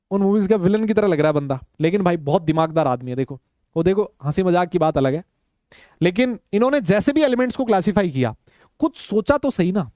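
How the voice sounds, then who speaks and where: A man's voice: high-pitched, mellow, dry recording, clean studio sound. A man teaching a live online chemistry class, teasing and bantering with his students as he explains. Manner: teasing, banters with students in Hindi-English mix.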